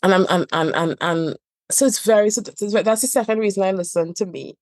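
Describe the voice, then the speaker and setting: Speaking fairly quickly in a medium-pitched, slightly mellow voice, a couples therapist and trainer from Trinidad and Tobago gives a reflective podcast interview in her Trinidadian accent. She is earnest and emphatic, repeating phrases to drive points home. The sound is dry and studio quality.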